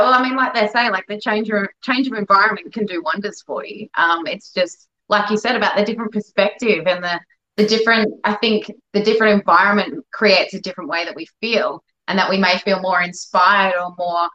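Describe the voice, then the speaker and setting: A woman's voice: mid-range voice, a little fast, bright, forceful tone, dull audio. A woman talking casually as an interview guest. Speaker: interview guest, fashion stylist.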